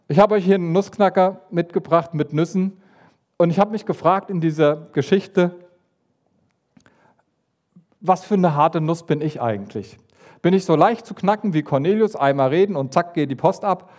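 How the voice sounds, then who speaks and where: A man giving a lively sermon, retelling a Bible story and acting out the figures with sudden asides. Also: moderate pace. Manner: animated, acts out voices of the story with pitch jumps and asides. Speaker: preacher.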